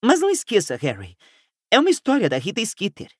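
A man's voice: high voice, huge pitch swings, brisk, dry recording, studio quality, pitched above the performer's own voice, heavily acted. A Brazilian man reading an audiobook, voicing an earnest, reasoning teenage witch girl who pleads and explains patiently. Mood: troubled, explaining. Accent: Brazilian Portuguese. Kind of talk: audiobook character voice.

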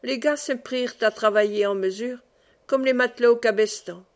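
A woman reading a classic novel aloud in a measured, expressive way. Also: fairly high pitch. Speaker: audiobook reader.

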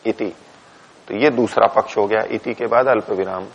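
Man teaching a sanskrit text, husky gravelly voice, reads lines then explains them, answers his own questions, kinda muffled lo-fi sound. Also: lowish voice, moderate pace. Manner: reads Sanskrit lines aloud and explains each one in Hindi; dictates punctuation to the students. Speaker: teacher of philosophy texts. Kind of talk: classroom text lecture. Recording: dull lo-fi lecture recording.

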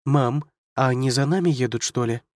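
A man voicing a frightened young girl who cries out in panic with a high, strained pleading voice. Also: moderate pace, a little mellow, no room sound, clean studio sound, lightly acted. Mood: curious.

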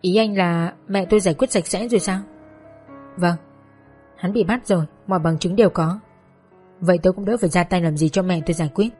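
A woman's voice: fairly low pitch, brisk, long pauses, darkish tone, soft background music, lightly acted. Brief: bitter young husband, curt and cold; female narrator reads him. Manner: curt and dismissive.

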